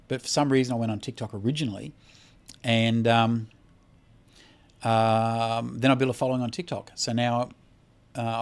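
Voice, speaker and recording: A tired Australian man hosting a casual credit repair livestream, reading out chat comments and answering bluntly with a lot of swearing. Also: medium pitch. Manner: blunt and profane, swears freely.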